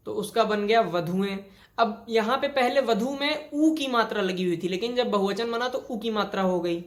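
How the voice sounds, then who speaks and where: Woman teaching a grammar lesson. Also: fairly high pitch. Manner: explains step by step with many examples and repeats rules. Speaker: Hindi teacher. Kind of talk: classroom lesson on spelling.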